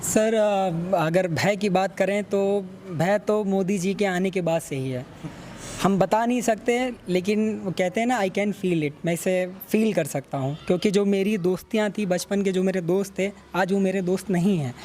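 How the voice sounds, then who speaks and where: High-voiced earnest young man. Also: a little mellow, a little hiss or hum. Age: young adult. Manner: earnest, measured, addresses the reporter as sir. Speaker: interviewee. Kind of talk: street interview.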